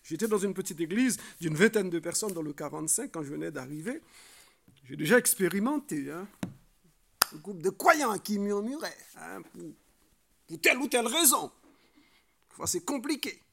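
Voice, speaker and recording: Here a man with a gravelly, fairly bright voice delivers an earnest, exhortative sermon at a moderate pace, animated but broken by long pauses. To emphasize important points he lifts his pitch and volume, and he frequently ends phrases with a questioning "hein".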